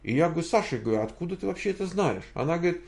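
A man's voice: a little high, lively intonation, very fast, vocal fry, darkish tone. An older man hosting a casual question-and-answer stream from home, answering viewers in a rambling way and thinking aloud with many hesitations. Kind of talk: casual livestream Q&A.

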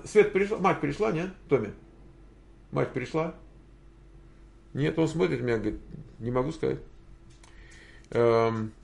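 An older man with a gravelly, creaky voice hosts a relaxed Q&A for his viewers. He drifts through his answers and thinks aloud, pausing often to hunt for words. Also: mid-range voice. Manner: rambling, thinking aloud with many hesitations. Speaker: host answering viewer questions. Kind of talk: casual livestream Q&A.

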